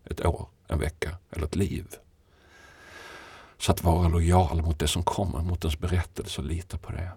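A man's voice: sits low, flat delivery, vocal fry, mellow, husky, no echo. A poet being interviewed, a man talking in a thoughtful, musing way and laughing often. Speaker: poet, podcast guest. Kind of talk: reflective conversation.

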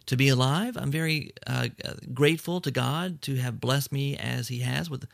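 Brief: forty-year-old male podcast host, very gravelly voice, dry close sound, rambling chat. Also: mid-range voice, moderate pace, no echo. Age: 40s. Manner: rambling, thankful, many restarts.

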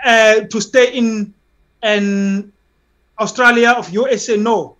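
A South African man giving impassioned interview talk as an activist guest, halting, emphatic and often repeating himself. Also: sits high, fairly even intonation, a bit bright.

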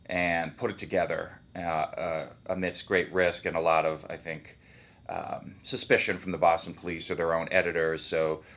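A man who is an actor, talking about his work in a relaxed, rambling interview. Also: low-pitched, moderate pace. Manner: easygoing, rambling, thinks aloud. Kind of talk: casual interview talk.

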